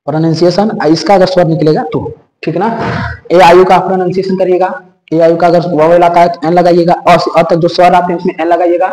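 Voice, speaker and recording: A man's voice: a little high, darkish tone, roomy sound, rough recording. A man teaching an English grammar lesson, repeating points and checking in with the listeners often.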